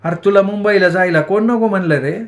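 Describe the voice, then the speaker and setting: In a storytelling audiobook, a man with a high-pitched, slightly fast, pushed-up voice that's close to his everyday one plays an affectionate rural mother. She coaxes and tenderly scolds in village dialect.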